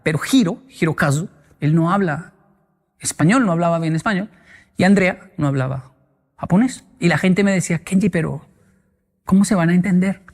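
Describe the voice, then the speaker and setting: A man speaks to an audience in a large hall, his fairly high voice ringing with long reverb. He tells humorous stories in a motivational talk, acting out the people he quotes and imitating animal sounds. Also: normal speed. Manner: playful storyteller, acts out quoted voices and sounds. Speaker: speaker answering audience questions.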